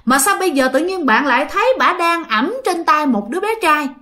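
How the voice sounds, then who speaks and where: A woman tells a horror story in a loose, chatty way. Her voice sits a little high, and she keeps turning to speak to her listeners. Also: lively intonation, a little fast, sharp tone. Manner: chatty, addresses listeners directly.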